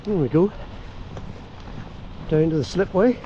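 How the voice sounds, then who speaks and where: A man's voice: sits high, lively intonation, measured pace, muffled recording. Older Ulster man, noisy outdoor recording. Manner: easygoing, explanatory, with homely dialect words. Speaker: kayaking vlogger. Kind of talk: casual chat to camera while out kayaking. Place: outdoors by a slipway and on the sea in a kayak. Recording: outdoor recording with clear background noise.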